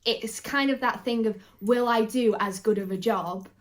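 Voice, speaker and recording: A woman's voice: on the high side, moderate pace. A woman chatting casually as co-host, giggling often between remarks. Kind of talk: casual chat.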